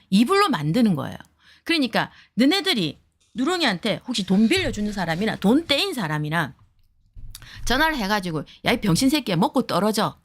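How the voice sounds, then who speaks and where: A woman's voice: medium pitch, fairly bright tone. A woman talking heatedly to her viewers in a blunt, profane way, acting out the people she quotes. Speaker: streamer giving advice to viewers. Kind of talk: heated casual talk to viewers.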